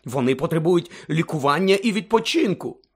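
A bossy middle-aged school nurse, put on by a male reader in a raised, pinched voice. She scolds and insists without pause, turning shrill when crossed. A storybook figure read aloud. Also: animated, husky. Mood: insistent.

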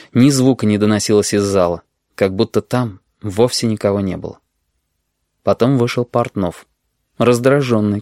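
A man narrating an audiobook in a calm, measured way. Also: fairly low pitch, no echo, studio quality.

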